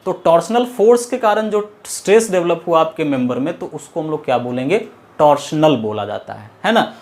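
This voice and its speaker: A man teaching an engineering class, explaining step by step, asking questions and answering them himself. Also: fairly high pitch. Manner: explains step by step, repeats key terms, asks and answers his own questions; mixes English technical phrases into his talk. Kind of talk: classroom lecture.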